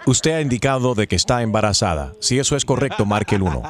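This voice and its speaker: A man voicing an automated phone menu for a prank call, deadpan and formal, as if reading scripted announcements. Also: on the low side, fast, pitched below the performer's own voice, lightly acted. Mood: deadpan, official. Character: deadpan automated phone menu voice giving absurd health notices and advice.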